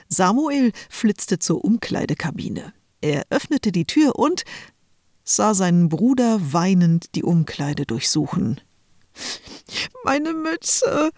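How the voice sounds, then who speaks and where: A woman narrating a children's Christmas story as an audiobook, in calm, even storytelling. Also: lowish voice, no room sound, clean studio sound.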